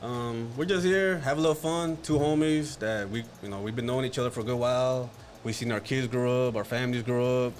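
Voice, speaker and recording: A man from Dallas in his thirties co-hosting a casual sports podcast, joking and animated. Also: mid-range voice, brisk, a little hiss or hum. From Dallas, Texas. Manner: joking, animated, laughs easily. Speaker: podcast co-host.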